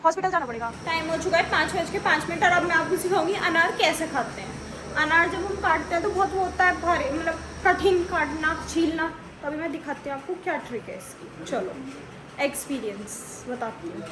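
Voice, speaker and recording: A woman's voice: extremely high pitch, fairly quick, noisy background. A woman in her late forties chatting casually through a family home vlog, scolding and teasing a child as she goes. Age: 40s. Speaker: family vlogger.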